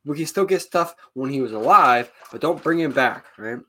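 A man's voice: mid-range voice, expressive, moderate pace, pushed and bright. A man co-hosting a casual fan podcast, opinionated and rambling, tagging his points with filler questions. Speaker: podcast co-host.

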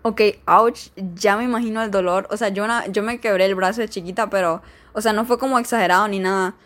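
A young woman, reading out viewer stories and reacting in a chatty, expressive way. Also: mid-range voice, fast. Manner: chatty and expressive, lots of fillers and exclamations. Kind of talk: casual chat.

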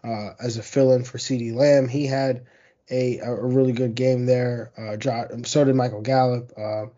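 A man hosts a fantasy football show, working through the week's receiver stats in a casual, rambling monologue. He keeps doubling back with fillers and restarts. His voice sits at an ordinary middle pitch, and the recording sounds a little dull and lo-fi. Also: level tone, normal speed, dark tone. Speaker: fantasy football podcast host. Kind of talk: casual sports analysis monologue.

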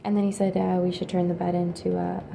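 A woman quietly telling a personal story in a hesitant, halting way, pausing often. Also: lowish voice, monotone, gravelly, a little hiss or hum. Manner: hesitant and halting, with many pauses and fillers; quiet, subdued recounting. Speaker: video creator.

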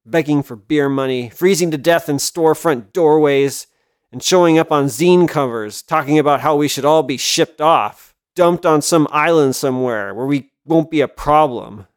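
Man voicing a young thug, contemptuous, clenched-teeth delivery, storybook villain, crisp dry sound. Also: on the high side, normal speed, no room sound, pitched above the performer's own voice, close to an everyday voice. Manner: sneering, contemptuous, clipped through clenched teeth. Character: young angry male stone creature, bigoted and hostile. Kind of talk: audiobook character voice.

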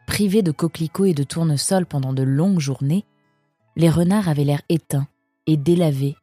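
A woman reading a storybook narration in a calm, measured way. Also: low-pitched, breathy edge, dry recording, clean studio sound. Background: soft guitar music.

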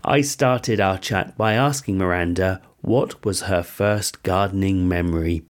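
A man's voice: low-pitched, unhurried. A man with a blocked-up, full-of-cold voice, presenting a podcast introduction in a chatty, self-deprecating way. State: congested, bunged up with a cold. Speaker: podcast host. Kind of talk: scripted podcast introduction and sponsor read.

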